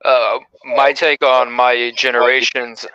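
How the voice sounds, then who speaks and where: A man's voice: medium pitch, level tone, slow, bright, forceful tone, clear, resonant tone, no echo. A man in his twenties, a guest on a live call, talking hesitantly with lots of fillers. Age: 20s. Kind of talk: casual call-in chat. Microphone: remote call. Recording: dull lo-fi call audio.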